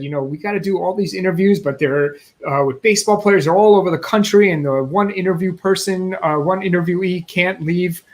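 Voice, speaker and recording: Upbeat forties male guest, slightly high voice, explaining his business on a video call. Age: 40s. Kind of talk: interview storytelling.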